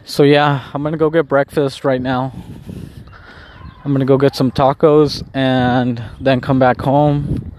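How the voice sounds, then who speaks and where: An unhurried man with a middling pitch rambles in a laid-back stoner drawl, sounding high. He circles back over his own phrases as he chats casually. The recording has light outdoor noise behind him. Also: flat delivery, a little mellow. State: high on weed. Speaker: vlogger recording an audio diary. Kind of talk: rambling casual solo chat. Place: outdoors, walking along.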